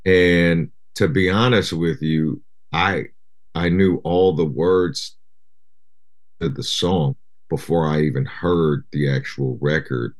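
A middle-aged man from Japan, a guest rapper, chatting in an interview in a relaxed, rambling way full of "you know". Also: rumbling low. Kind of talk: casual interview chat.

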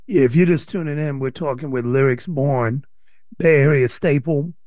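A man's voice: fairly high pitch, normal speed, darkish tone, dry recording. A man hosting an interview, casual, with short replies while his guest talks. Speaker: interview host. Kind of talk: radio interview.

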